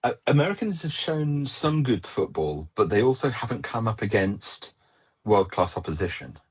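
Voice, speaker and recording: A man co-hosting a casual podcast chat, measured, with dry punning asides. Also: fairly low pitch, sing-song, slightly rough. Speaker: podcast co-host. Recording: dull lo-fi podcast audio.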